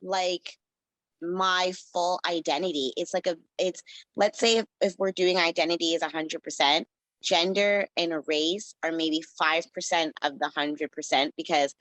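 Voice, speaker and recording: A woman's voice: fairly low pitch, steady tone, a little slow, a bit bright, dry recording, low-quality recording. A woman from the Caribbean, a writer, talking as a guest in a casual interview, rambling with lots of "like" fillers. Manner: rambling, heavy use of "like" fillers.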